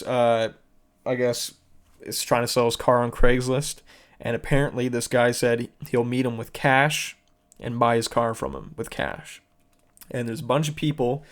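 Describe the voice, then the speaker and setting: A man hosting his own podcast, rambling through internet videos in casual, profane, sarcastic commentary. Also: medium pitch. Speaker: podcast host.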